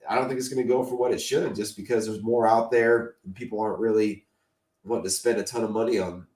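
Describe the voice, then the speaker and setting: A man's voice: fairly low pitch, fairly even intonation, fast, a little mellow. Co-host, man, fading voice, keen opinionated collector chat, roomy echo. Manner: enthusiastic, opinionated collector talk. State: losing his voice. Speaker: podcast co-host. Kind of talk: casual chat.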